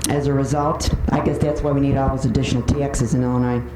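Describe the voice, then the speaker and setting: Speaking fast in a deep bass voice with a flat delivery, a woman offers her prepared remarks during a public meeting, earnest and pointed. The indoor room sounds large and noisy, picked up by a far-off mic that clicks.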